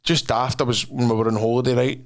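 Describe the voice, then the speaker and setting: A Scottish man hosting a podcast, telling stories in animated, sweary slang and casual banter. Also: medium pitch, fast, gravelly. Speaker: podcast host.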